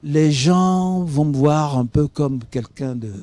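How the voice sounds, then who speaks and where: Slow and warm with a fairly high pitch, this man's voice is recorded on a studio mic without room sound. As a guest expert from Benin on a studio talk show, he explains speaking skills with patient, didactic teaching, spelling out words and asking "hein?"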